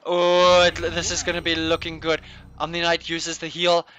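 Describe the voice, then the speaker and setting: A man's voice: a little high, monotone, moderate pace, bright, forceful tone, slight background noise. A man commentating live esports play-by-play like a hype fighting game announcer, calling out big plays.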